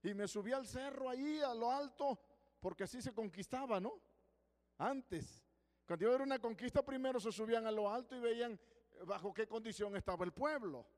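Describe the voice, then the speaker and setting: High-voiced Mexican preacher in echoing hall. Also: male voice, brisk. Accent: Mexican Spanish. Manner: emphatic, switches between loud preaching and hushed storytelling. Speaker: pastor. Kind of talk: sermon with personal stories. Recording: long hall reverb.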